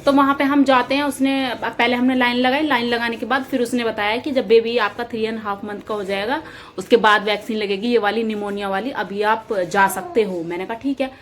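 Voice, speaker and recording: A woman's voice: on the high side, fairly even intonation, fairly quick, a little hiss or hum. Chatty young woman vlogger. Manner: chatty, repeats herself, playfully complaining. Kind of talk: casual vlog chat. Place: at home by open balcony doors. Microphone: camera on a tripod.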